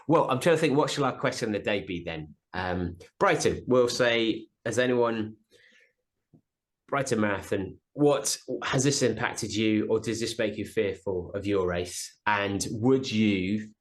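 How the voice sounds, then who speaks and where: A man's voice: fairly low pitch, measured pace. A man co-hosting a podcast, easygoing and a bit hesitant, with dry teasing humor. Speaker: podcast co-host. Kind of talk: casual chat.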